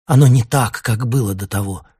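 A man voicing a shaken, haunted young woman who speaks in a trembling hush in a storybook reading. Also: mid-range voice, moderate pace, breathy edge. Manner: trembling, hushed. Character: dazed, haunted young woman, cold and cerebral.

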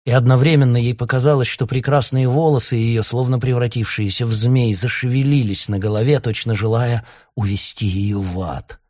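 A man narrating an audiobook in a lively, dramatic storytelling manner. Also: mid-range voice, normal speed, few pauses. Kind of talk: audiobook reading.

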